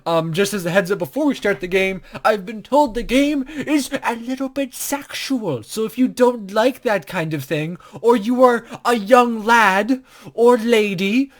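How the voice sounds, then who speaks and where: A let's play host with a mid-range, expressive voice speaks at a measured pace. He chats casually and pokes fun at himself while commenting on a game and reading its text aloud.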